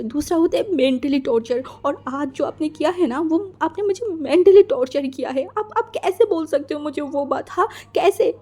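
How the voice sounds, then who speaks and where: Lady doing a tearful young guy, high voice, stammers and accuses his husband, mellow tone. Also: natural voice. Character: sobbing hurt young man scolding his husband. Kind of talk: fan fiction story reading.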